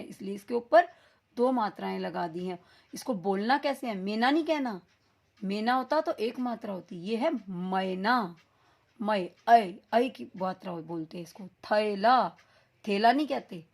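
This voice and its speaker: A fairly high-pitched woman leads a lesson for small children. She stretches out each syllable clearly and repeats words for emphasis, dropping English words into her explanations. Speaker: teacher. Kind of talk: recorded online class lesson for young children.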